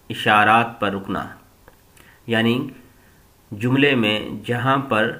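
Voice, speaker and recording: Slow, bright-voiced Pakistani Urdu teacher. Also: male voice, medium pitch. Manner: slow, measured explaining with pauses. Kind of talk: recorded lesson.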